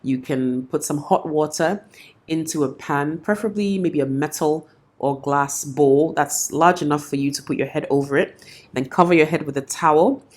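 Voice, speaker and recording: A Ghanaian singer and vocal coach with a cold speaks to camera in a low voice at a moderate pace. She offers practical tips in a friendly, explanatory manner.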